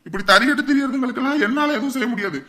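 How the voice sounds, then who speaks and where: A man's voice: extremely high pitch, very fast, pushed and bright. A man voicing a short-tempered, bullying husband and father in a cartoon, scornful and mocking. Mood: sneering.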